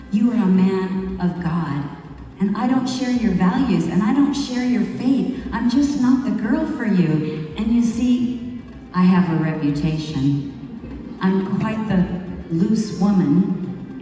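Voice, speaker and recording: Woman playing Gomer, slow and echoing. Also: medium pitch, dark tone, close to an everyday voice. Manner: slow, reflective storytelling with dramatic pauses. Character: wayward young biblical wife turned remorseful. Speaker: monologue performer. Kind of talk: theatrical first-person monologue. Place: large hall at a retreat. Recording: echoey hall from far off, faint music.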